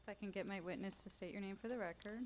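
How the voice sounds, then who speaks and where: A woman acting as city prosecutor, reading case details and questioning a witness in a flat, procedural way, heard in a courtroom hearing recording. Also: medium pitch, quick pace, slight background noise. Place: hearing room.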